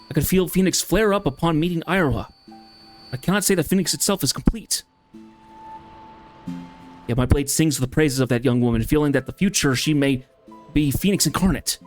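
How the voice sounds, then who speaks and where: A man's voice: fairly high pitch, brisk, faint music behind, close to an everyday voice. A man voicing a grave, formal male swordsman in a game story, reading in a declamatory tone. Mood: solemn. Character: solemn male swordsman bearing a sacred blade.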